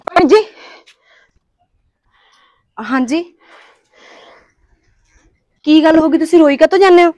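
An actress with a Punjabi accent playing an earnest, kind-hearted young daughter-in-law who talks back at home and consoles a stranger. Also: female voice, high-pitched, takes it slowly, long pauses, a little mellow, no echo. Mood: consoling. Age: young adult. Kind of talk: village family drama acting.

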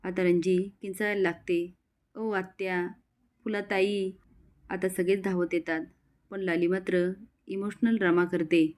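A woman narrating a recap of a story episode, retelling it lively with quoted dialogue. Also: lowish voice, moderate pace.

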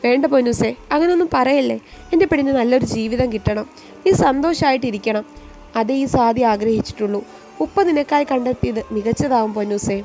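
A woman playing a gentle young man, soothing and tender, fairly high voice. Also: fairly quick, faint music behind, close to an everyday voice. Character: gentle young man comforting his beloved. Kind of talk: storytelling voice acting.

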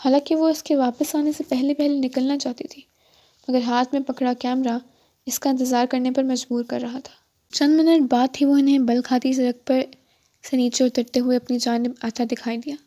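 A woman narrating a novel as an audiobook, in a steady storytelling read. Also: sits high.

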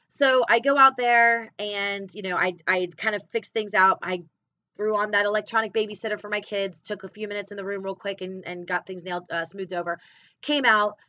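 A woman in her thirties chats straight to the camera about her small business and her children. She sounds open, heartfelt and a little emotional, with a bright, clear voice. The recording is dry and a bit dull, like a home camera mic. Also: medium pitch, no room sound. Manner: emotional, candid, chatty. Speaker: clothing sales consultant. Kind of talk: casual personal vlog.

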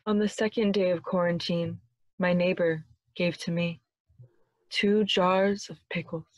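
A woman giving a dramatic reading of a parody carol with theatrical, deliberate phrasing. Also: lowish voice, steady tone, dry recording.

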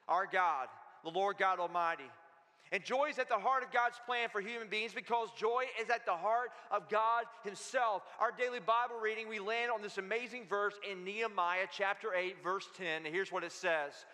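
A man preaching with a high, bright, forceful voice. He drives his sermon with energy and keeps turning to the congregation for answers. The sound rings out in a church sanctuary with a long reverb. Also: moderate pace. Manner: energetic, calls out to the congregation for responses. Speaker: pastor.

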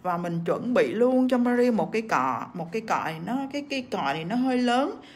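A woman's voice: fairly high pitch, big pitch swings, brisk. A woman with a cough teaching nail art on a livestream, chatting as she works and reading out viewer comments. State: sick with a cough.

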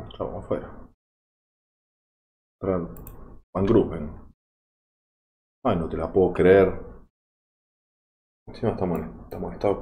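Rioplatense male gamer, young, fed-up live commentary, low mellow voice. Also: slight background noise. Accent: Rioplatense Spanish. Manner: exasperated, lamenting and pleading with the game. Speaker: gaming YouTuber.

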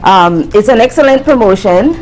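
A middle-aged woman appears as a brand representative on a cooking show, chatting about promotions and products in a TV studio kitchen set while wearing a lapel mic. Her medium-pitched voice is animated and a little mellow at a moderate pace, over soft background music on a low-quality recording.

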